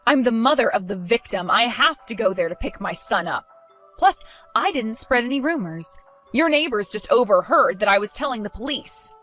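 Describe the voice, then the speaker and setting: A woman's voice: fairly high pitch, expressive, normal speed, fairly bright tone, soft background music. A woman voicing a furious, sarcastic young mother. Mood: accusing. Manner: accusing, sarcastic. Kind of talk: dramatized story voice acting.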